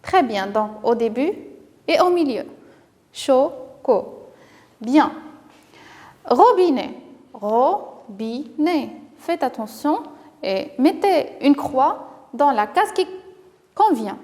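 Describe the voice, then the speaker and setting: Slow, high-voiced woman teaching phonics. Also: sing-song, darkish tone, in a large hall. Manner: slow, carefully articulated, drawing out words to model sounds; encouraging, with frequent praise. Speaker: primary school teacher. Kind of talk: reading lesson for young children.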